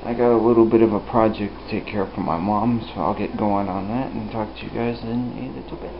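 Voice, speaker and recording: A man's voice: fairly low pitch, fairly even intonation, fairly quick. A man casually rambling through a home video vlog with easygoing restarts, recorded as old camcorder audio. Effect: old camcorder audio, dull and hissy. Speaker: vlogger. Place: his house, indoors and out front. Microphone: built-in camcorder mic, handheld. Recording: hissy lo-fi old camcorder sound.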